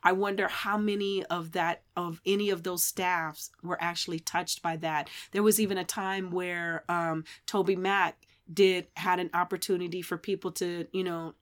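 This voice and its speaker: A woman co-hosting a faith podcast, chatting casually and telling an animated story. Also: fairly low pitch, normal speed. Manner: animated storyteller, bursts into loud laughter. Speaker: podcast co-host. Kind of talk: casual chat. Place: live-streamed podcast session.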